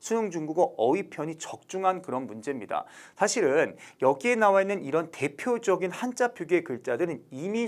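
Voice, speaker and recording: A male instructor gives an online exam lecture. His voice sits somewhat high and swings through a wide, animated pitch range. He keeps asking his students questions and answering them himself as he works through the test. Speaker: Chinese language exam instructor.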